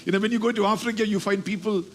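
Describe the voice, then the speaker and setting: Racing along in a high-pitched, steady tone, a man delivers a sermon over soft background music. He reads and teaches from scripture with emphasis, repeats key phrases, and uses call-and-response.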